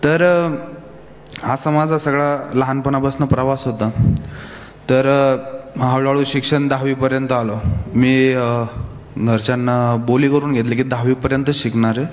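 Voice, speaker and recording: A man's voice: mid-range voice, fairly even intonation, normal speed. A man giving a talk to young people at a summit, telling his own story in a plain, hesitant way with many fillers. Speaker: guest speaker at a youth summit. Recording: echoey hall, faint hiss.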